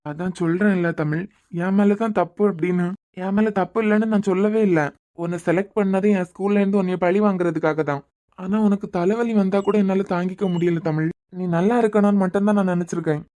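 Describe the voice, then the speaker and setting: A voice actor playing a pleading, remorseful husband. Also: male voice, high voice, steady tone, fairly quick, mellow, natural voice. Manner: pleading, apologetic, firm. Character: remorseful husband, school correspondent. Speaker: husband in a cartoon serial. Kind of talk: cartoon serial voice acting.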